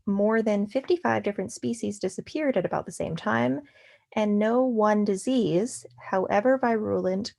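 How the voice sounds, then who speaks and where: A woman's voice: medium pitch, vocal fry, a little mellow. A young woman tutoring through test logic questions, thinking aloud with many fillers and a dry, sarcastic aside now and then. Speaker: LSAT tutor.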